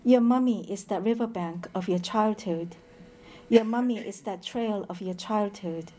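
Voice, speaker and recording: A woman reads poetry aloud in a slow, measured way, stopping now and then to introduce a piece with hesitant fillers. Her voice is dark and mellow, and her pitch sits in a middle range. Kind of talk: poetry reading with brief spoken introductions.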